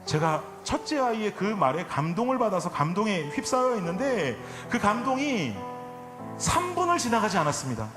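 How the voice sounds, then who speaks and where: A man in his forties preaches a sermon in a reverberant church sanctuary while soft music plays behind him. His voice sits very high for a man and moves in lively swings. He shifts from relaxed storytelling into impassioned, shouted appeals. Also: moderate pace. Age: 40s. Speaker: pastor. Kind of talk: sermon with personal anecdote.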